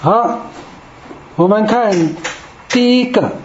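A man's voice: sits high, takes it slowly, a little hiss or hum. A man teaching Greek to a class, explaining patiently step by step. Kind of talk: classroom lecture. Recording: roomy, dull lo-fi classroom recording.

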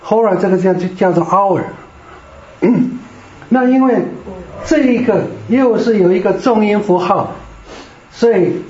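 A man with a high, slightly mellow voice teaches Greek to a class, taking it slowly and explaining patiently step by step. The classroom lecture is captured in a roomy, dull, lo-fi recording.

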